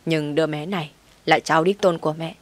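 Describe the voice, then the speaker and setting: A woman voicing a pleading elderly mother-in-law in a low, soft-spoken read. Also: fairly even intonation, brisk.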